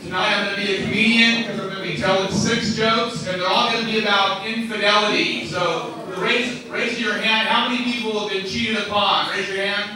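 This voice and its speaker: A man's voice: high voice, fairly even intonation, brisk, few pauses, bright, forceful tone. A man doing live stand-up comedy, chatting straight to the audience and acting out the dialogue in his jokes. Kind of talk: live stand-up joke telling. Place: large echoey community hall with a live audience. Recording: echoey hall, distant mic, crowd noise.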